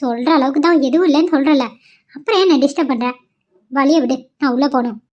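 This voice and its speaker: Cartoon wife, brisk and exasperated, high-pitched, woman voicing, muffled audio. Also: darkish tone, natural voice. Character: young married woman, fed up and firm. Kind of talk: amateur cartoon voice acting. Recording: dull lo-fi audio.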